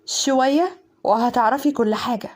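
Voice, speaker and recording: A woman's voice: on the high side, moderate pace, close to an everyday voice. A woman doing a menacing young cousin. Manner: harsh, menacing orders. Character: threatening young male cousin holding a weapon.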